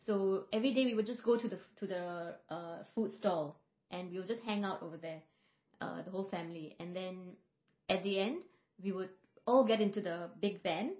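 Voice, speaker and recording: A woman who is a singer and vocal coach, from Singapore, telling stories in a relaxed podcast chat with frequent fillers. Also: on the low side, moderate pace. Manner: reflective, storytelling, frequent fillers. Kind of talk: casual podcast conversation. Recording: roomy, slightly dull podcast audio.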